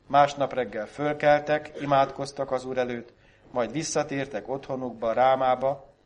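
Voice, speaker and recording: Male scripture reader, church service, steady solemn delivery, mid-range voice. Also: medium pitch, muffled recording, slight background noise. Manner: measured, solemn reading aloud. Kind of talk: Bible reading at a church service.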